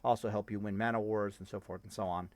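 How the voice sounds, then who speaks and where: A man's voice: fairly low pitch, steady tone, quick pace, darkish tone, no room sound. A man giving casual, rambling commentary on a game, cursing and interrupting himself as he tests things. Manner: rambling, profane, self-interrupting. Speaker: gaming streamer.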